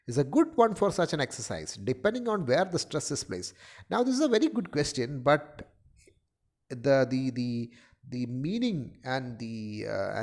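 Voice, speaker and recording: A man, lecturing university literature students and explaining at length with many fillers and restarts. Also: mid-range voice.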